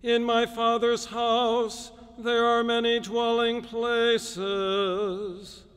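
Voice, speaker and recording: A man chanting the gospel reading at Mass in a smooth, even tone, heard in a large church with a cathedral echo. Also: very high-pitched, extremely slow. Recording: long cathedral reverb, faint music.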